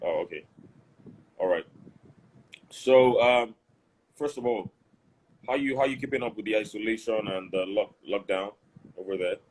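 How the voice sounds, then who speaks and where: Deep-voiced man hosting a live online chat. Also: darkish tone, poor audio. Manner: repetitive, upbeat greetings, drawn-out phrasing. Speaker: host.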